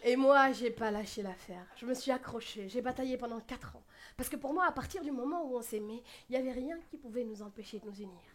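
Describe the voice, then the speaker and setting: A young woman performing stand-up comedy on stage, telling stories in a lively, teasing way and addressing the audience directly. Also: on the high side, fast talker. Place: stage before a live audience.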